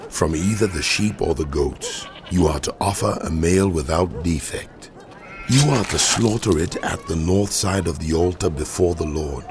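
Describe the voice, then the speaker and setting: A man voicing a solemn, commanding God in a dramatized Bible reading, speaking in measured, declarative biblical narration. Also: deep voice, noisy background. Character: God, solemn commanding male deity giving laws. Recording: music behind the voice. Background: background music.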